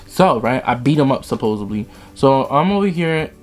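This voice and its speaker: Animated young man telling a profane story. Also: medium pitch, moderate pace, faint music behind. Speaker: vlogger. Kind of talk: casual storytelling while doing makeup.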